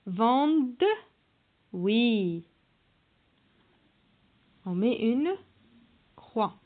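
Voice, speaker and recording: A woman teacher leading a reading lesson for children, sounding out syllables one by one and repeating each instruction. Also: fairly high pitch. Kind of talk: slow classroom reading lesson. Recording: tinny phone-like audio.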